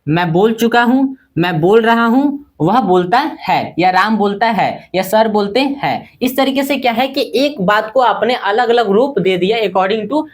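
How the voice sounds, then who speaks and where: A man's voice: high-pitched, animated. A male English teacher explaining grammar in Hindi, asking and answering his own questions and repeating key points for his viewers. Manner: addresses viewers as friends; slows to recite word lists.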